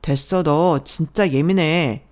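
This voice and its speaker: A woman's voice: deep voice, slow pace, darkish tone. A woman voicing a weary young husband who brushes off his wife and sides with his mother. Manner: dismissive, tired.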